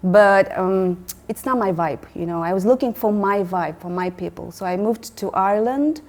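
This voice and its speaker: Telling stories as a guest in a casual interview, this woman in her forties from Moldova has a Moldovan accent and a medium-pitched voice. She speaks at a normal speed, animated and laughing, with frequent restarts.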